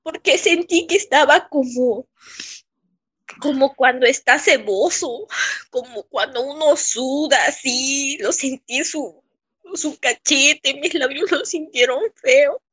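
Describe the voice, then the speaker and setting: A woman recounting a personal ordeal in an interview, in a shaken, halting way with frequent pauses. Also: high voice, a bit bright. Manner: halting, shaken, pausing often. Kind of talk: emotional personal testimony.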